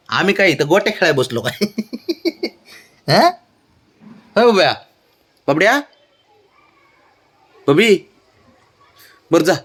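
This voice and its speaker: A man murmuring baby talk to an anxious pet, his voice rising and falling freely from low hums to bright coaxing calls. He keeps it gentle and patient, repeating the same calm reassurances again and again. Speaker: pet owner vlogger.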